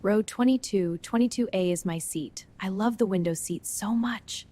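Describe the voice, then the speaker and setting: In a natural, medium-pitched voice, a woman narrates a beginner English lesson in character as an excited young tourist. Her short, simple sentences come very slowly, carrying a feeling of calm wonder.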